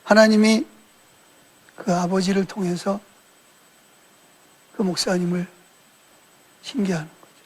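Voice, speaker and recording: A man's voice: high-pitched, steady tone, a little slow, pauses often. A male pastor preaching a sermon in a colloquial storytelling way, acting out quoted dialogue as he retells events.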